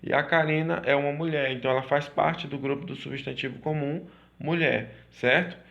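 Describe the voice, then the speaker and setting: A man teaching a grammar lesson, repeating points and checking in with quick tag questions. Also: on the high side, fairly even intonation, gravelly, fairly bright tone, lo-fi sound. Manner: repetitive, checks in with "certo?" and "tá?".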